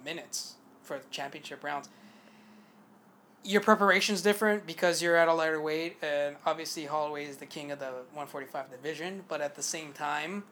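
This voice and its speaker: Male podcast co-host, fairly high voice, rambling casual fight talk full of fillers. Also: fairly bright tone, slight background noise. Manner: rambling, hesitant with many fillers. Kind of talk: casual sports chat.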